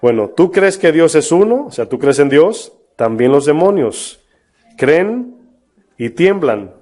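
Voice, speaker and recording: A man's voice: a little high, sing-song, slow pace, dark tone. A man preaching a sermon as pastor, emphatic, with rhetorical questions to his congregation. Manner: mocks false prophets in a put-on voice.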